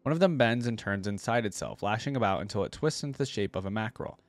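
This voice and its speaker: Fast and animated, a young man with a fairly low voice reads a story for a reaction video and comments casually along the way. He sits close to a desk microphone in an indoor room at his streaming setup, and there's no echo.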